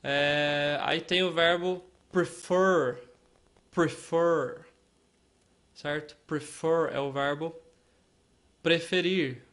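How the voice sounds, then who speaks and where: Slow, deliberate male English teacher. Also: on the high side, steady tone, fairly bright tone. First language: Portuguese. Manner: slow and deliberate, repeating and spelling out words for learners. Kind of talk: online language lesson.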